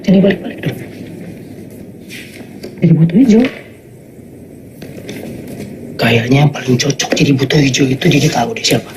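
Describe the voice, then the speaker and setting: A woman's voice: deep voice, fairly quick. An actress playing an affectionate young mother who coaxes her child. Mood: coaxing. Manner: coaxing, animated. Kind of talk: film acting. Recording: noisy film audio.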